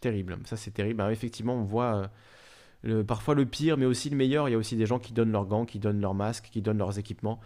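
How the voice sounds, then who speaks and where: A man hosting a live stream, chatting casually and reading out viewer messages, speaking haltingly with many fillers and restarts. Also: fairly low pitch, warm tone. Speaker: livestream host.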